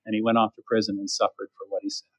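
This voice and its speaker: A man's voice: lowish voice, flat delivery, racing, slightly rough, poor audio. A man preaching a sermon, emphatic and acting out the voices of the people he quotes. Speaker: pastor.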